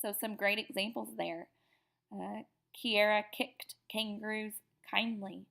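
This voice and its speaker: A woman giving an upbeat slide presentation to teachers, often pausing on fillers. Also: medium pitch, fairly even intonation, creaky, pushed and bright. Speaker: teacher educator. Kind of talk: presentation lecture over slides.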